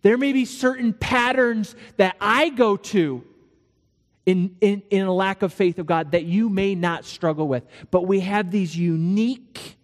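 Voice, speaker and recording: Man preaching in a reverberant hall. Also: high-pitched. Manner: animated storytelling with acted dialogue. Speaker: pastor. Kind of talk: sermon.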